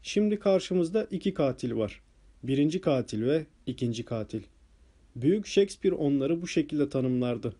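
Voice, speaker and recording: A thoughtful, wry detective, as a male narrator voices him, reasoning slowly and musing over each clue. His voice stays mellow and dark, close to the reader's own. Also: a little high, expressive. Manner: musing, measured.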